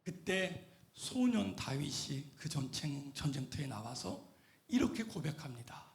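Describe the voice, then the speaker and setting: A middle-aged male pastor giving a lively sermon, questioning the congregation and shouting at the high points. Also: a little slow, creaky, roomy sound. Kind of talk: lively sermon with call-and-response. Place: church sanctuary.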